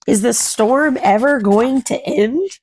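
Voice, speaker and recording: This young woman, a children's read-aloud host, reads a picture book to small children in a small indoor room at home, expressively and in a sing-song way, chatting as she goes. Her voice sits on the high side but is husky with a darkish tone, and she speaks slowly.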